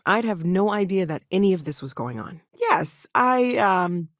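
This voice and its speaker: A woman's voice: on the low side, expressive, normal speed, no echo, clean studio sound. A woman acting an earnest, curious and wry scientist in a video game, talking in a hesitant, thoughtful, natural way. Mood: friendly, wry.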